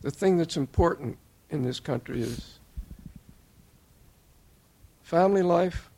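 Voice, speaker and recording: An older man giving an earnest, measured tribute as interviewer, laying out his points one by one. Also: on the high side, a little mellow. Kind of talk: formal tribute speech.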